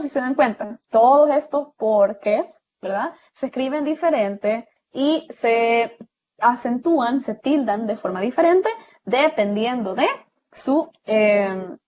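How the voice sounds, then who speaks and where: A woman's voice: a little high, darkish tone. A woman with a Salvadoran accent tutoring an online class, patiently explaining and checking in with "¿verdad?" after each point. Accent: Salvadoran Spanish. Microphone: video call. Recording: muffled video call audio.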